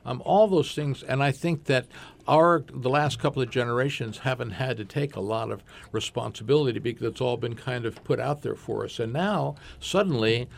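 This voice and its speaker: A man's voice: mid-range voice, moderate pace, gravelly. A man hosting a community talk radio show, speaking earnestly and repeating words as he thinks.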